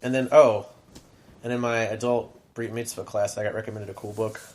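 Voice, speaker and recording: A middle school teacher co-hosting a podcast speaks fairly quickly into a podcast microphone, his voice on the low side with a steady, darkish tone and a little hiss or hum present. He chats in a rambling way full of "like" asides.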